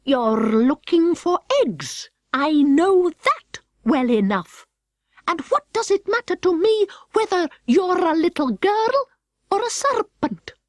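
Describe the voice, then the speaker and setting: Storybook pigeon: very high-pitched, swooping, contemptuous and sulky, quick to argue. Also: female voice, expressive, no echo, studio quality, exaggerated voice. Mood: indignant. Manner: contemptuous, emphatic, argumentative. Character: shrill, indignant mother pigeon, scornful and sulky.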